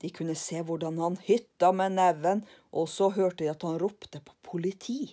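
An older woman reading a children's book aloud to her grandchildren, expressive and sometimes dropping to a hush. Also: on the low side. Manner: expressive, warm storytelling, hushing for quiet scenes.

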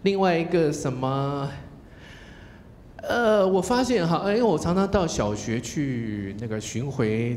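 A man speaking Mandarin with a Taiwanese accent, giving a contest judge's spoken feedback. He coaches the contestants, demonstrates pronunciation, and closes his phrases with a soft "ha". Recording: echoey hall with faint rumble.

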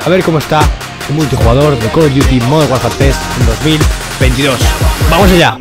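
A young man from Spain with a hoarse voice, doing excitable live commentary over his gameplay, bursting into shouts. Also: medium pitch, fairly quick, over loud music. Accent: Spain Spanish. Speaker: gaming YouTuber.

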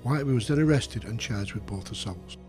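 A man narrates a true crime story in a sober, measured voice at a middling pitch. His delivery is steady and scripted. Faint music plays softly behind him.

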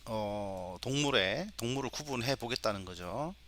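A man's voice: mid-range voice, expressive, moderate pace, a bit bright, slight background noise. A middle-aged male professor giving a recorded lecture demo, coaxing his students along with questions. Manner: imitates animal sounds for the mic.

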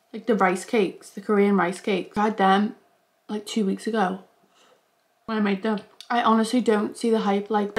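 A woman, chatting casually in a mukbang vlog and chewing between sentences. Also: mid-range voice. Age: 20s. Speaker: YouTuber.

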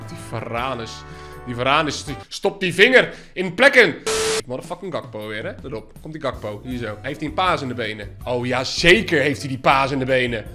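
A young man commentating his own football video game as he plays, excitable, swearing constantly and shouting when goals fall. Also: mid-range voice, fairly quick, music in the background. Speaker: gaming YouTuber. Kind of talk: live FIFA gameplay commentary.

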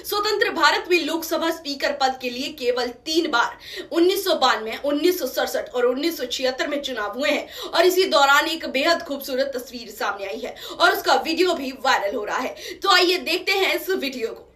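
Young woman anchor reading the news, high bright voice, echoey room. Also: moderate pace. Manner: steady formal delivery. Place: studio.

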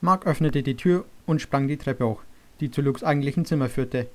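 A man reading a novel aloud as an audiobook narrator, in a steady, even manner. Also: mid-range voice, brisk. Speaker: audiobook reader. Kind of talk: scripted narration.

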